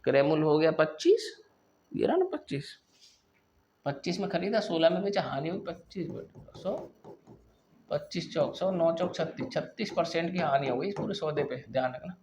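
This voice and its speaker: A man teaches a maths class and talks through each problem step by step. His voice sits a little high for a man, and he keeps checking in with the students. A faint hiss of noise runs under the recording. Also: lively intonation, moderate pace, a little mellow. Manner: explains step by step, often checking with "ठीक है".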